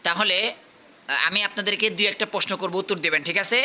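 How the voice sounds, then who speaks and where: A man from Bangladesh teaching at a madrasa, quizzing his pupils and repeating questions while urging them to answer louder. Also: high voice, a little fast. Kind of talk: classroom quizzing.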